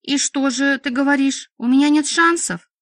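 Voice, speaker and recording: A woman's voice: sits high, moderate pace, no echo, studio quality, voice pushed up, lightly acted. A woman voicing a fiery young vampire girl. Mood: pleading. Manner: heated, impulsive, mocking. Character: fiery young female vampire, passionate and bitter. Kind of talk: audiobook reading.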